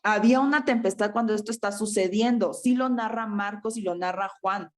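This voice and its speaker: A woman's voice: mid-range voice, a little fast. A woman preaching a sermon to her congregation, often tagging her points with a questioning "verdad" and "ajá" and calling her listeners brothers and sisters. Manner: frequent rhetorical "¿verdad?" and "ajá"; addresses congregation as hermanos.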